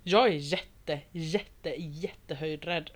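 A young woman with a slightly low voice, chatting casually. She is expressive, laughs often and swears in passing. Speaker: reality show contestant. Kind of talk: casual podcast chat.

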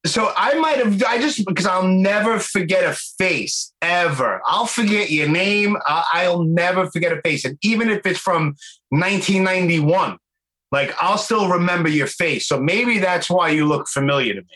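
A man in his forties with a Brooklyn accent, hosting a podcast interview in an excitable, slangy, casual way. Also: high-pitched, moderate pace, poor audio. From Brooklyn, New York. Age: 40s. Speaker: podcast host.

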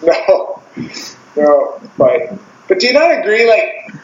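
Laughing storyteller, swears freely; higher voice in an echoey, lo-fi room. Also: male voice, sing-song, slow pace. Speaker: podcast co-host. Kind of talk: casual chat. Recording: roomy, dull lo-fi sound with faint hiss.

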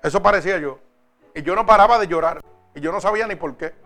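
Fervent high-voiced preacher. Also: male voice, fast, soft background music. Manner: fervent, swings between loud exhortation and hushed storytelling. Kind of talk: sermon and personal testimony.

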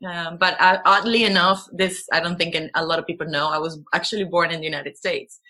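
A woman's voice: on the low side, fairly even intonation, brisk, sharp tone. A young woman from Venezuela, a guest telling her story in a rambling, casual way with many fillers and restarts. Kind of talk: casual conversational interview.

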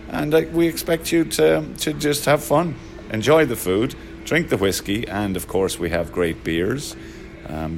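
Pub owner, man, deep voice, hesitant and joking, soft music behind. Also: creaky. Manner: hesitant, many fillers, jokey. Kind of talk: casual interview.

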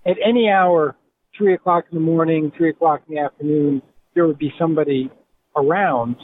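A man's voice: on the high side, fairly quick. Middle-aged Rhode Island man over a tinny phone line. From Providence, Rhode Island. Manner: relaxed, rambling storyteller. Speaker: guest. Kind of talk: casual reminiscing interview.

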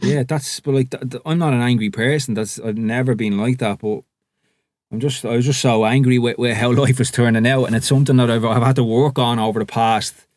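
A man's voice: mid-range voice, a little fast, no room sound. A man hosting a podcast, chatting casually and telling stories with the odd swear word. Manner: relaxed storytelling, swears freely. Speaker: podcast host. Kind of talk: casual conversation.

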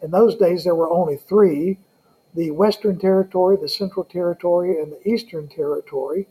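High-pitched Southern US man, mellow voice. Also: poor audio. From Southern United States. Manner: halting, with frequent hesitations. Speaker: guest, Salvation Army colonel. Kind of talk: conversational interview answers.

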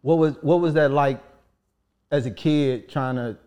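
Male podcast host, mid-pitch, loose and joking, keeps the chat on course. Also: unhurried, dark tone, clean tone. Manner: playful, steers the talk back to the process. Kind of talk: casual interview chat.

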